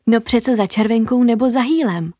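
A woman voicing a clever, eager little girl in a children's story, speaking in a bright, eager way. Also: on the high side, dry recording, clean studio sound, natural voice.

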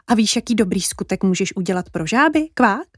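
A woman voicing a friendly little female frog who adds a croak to her words, in a children's storybook. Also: mid-range voice, expressive, no echo, studio quality. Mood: cheerful.

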